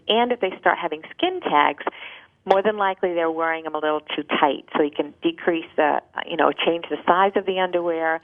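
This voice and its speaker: A woman giving calm advice as a remote guest in a casual chat, heard over a phone-like line. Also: fairly low pitch. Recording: tinny phone-line audio.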